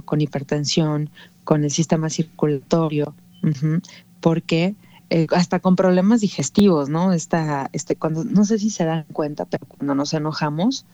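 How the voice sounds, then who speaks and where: A woman's voice: low voice, mellow, no echo, highs cut off. A woman, a guest who explains emotional topics patiently and often adds a questioning "no?". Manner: patient, explaining with many rhetorical "¿no?" tags. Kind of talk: explanatory conversation.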